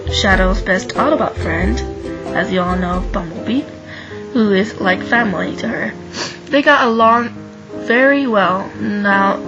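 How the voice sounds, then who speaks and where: A young woman reads her first-person fan story in a casual, chatty way, restarting often and talking to listeners. Her voice has a gravelly fry at mid pitch. Music plays clearly in the background. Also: lo-fi sound. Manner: chatty, adds asides to listeners, frequent restarts. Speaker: fan fiction reader.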